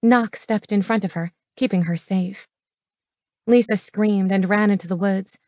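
A woman reading an audiobook as its narrator, steady and matter-of-fact. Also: mid-range voice, a little slow, no echo. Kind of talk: scripted narration. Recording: dry studio voice.

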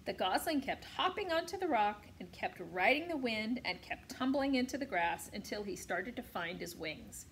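A woman teacher reading a children's novel aloud to her class, expressive, with small slips now and then. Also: on the high side, normal speed, hardly any pauses, slight background noise. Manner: expressive read-aloud with occasional slips and throat clearing.

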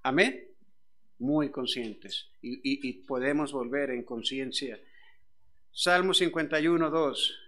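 A middle-aged man, a pastor preaching a sermon and telling a personal story with big swings from hushed to loud. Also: mid-range voice, steady tone, measured pace.

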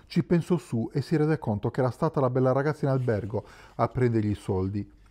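A man narrating a literary novel as an audiobook in a calm, measured way. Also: mid-range voice. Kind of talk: scripted narration.

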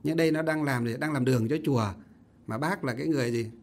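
A man, a Buddhist monk telling a story in a conversational, animated sermon. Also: medium pitch, quick pace. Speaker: Buddhist monk giving a dharma talk.

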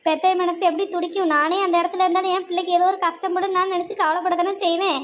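A fretful elderly mother-in-law from a cartoon family drama, voiced by a performer. Her squeaky, very high voice rushes on, pleading and insistent. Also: little pitch movement, fairly bright tone, a little hiss or hum. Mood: worried.

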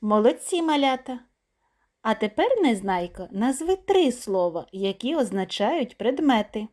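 Slow, sing-song kindergarten teacher woman. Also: fairly high pitch, very animated, a little mellow. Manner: clear, deliberate word-by-word pronunciation. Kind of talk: slow, sing-song lesson for small children.

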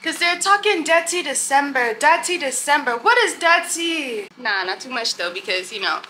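A young woman vlogging casually to her viewers from a hotel room and balcony, chatty and animated, filmed on a phone held at arm's length. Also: high-pitched, normal speed, slight background noise. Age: young adult. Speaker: travel vlogger. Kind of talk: casual vlog to camera. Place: hotel room and balcony at night, outdoors by a city street. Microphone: handheld phone camera at arm's length.

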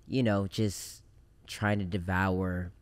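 Male podcast guest, thirties, low voice, relaxed and reflective. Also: takes it slowly, dry recording. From Japan. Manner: relaxed, reflective, many fillers. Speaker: podcast guest, film director. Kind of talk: casual interview chat. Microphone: studio mic on boom arm.

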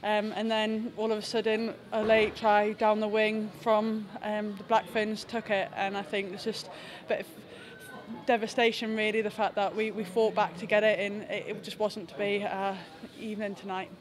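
A young woman, a rugby team captain, giving a halting, reflective post-match press interview indoors into handheld mics held close. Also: mid-range voice, level tone, crowd noise. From England. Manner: reflective, halting with frequent restarts. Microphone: several handheld press mics close to her face.

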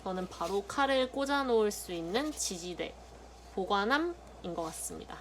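A young woman vlogger narrating an unboxing in a chatty, playful way, muttering softly to herself while she handles things. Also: mid-range voice, lively intonation, moderate pace. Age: young adult. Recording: loud background noise.

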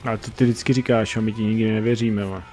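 A young man on a gaming voice chat keeps up an excitable running commentary, swearing freely as the match goes on. His voice has a gravelly fry to it, and game music plays faintly in the background. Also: fairly low pitch. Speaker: teammate in the game.

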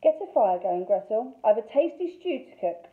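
A woman's voice: fairly high pitch, very animated, moderate pace. A woman voicing an ancient, greedy witch who eats children, with a crackly voice that coos and snaps, on a thin phone-like recording. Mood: gloating. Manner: cooing then snapping.

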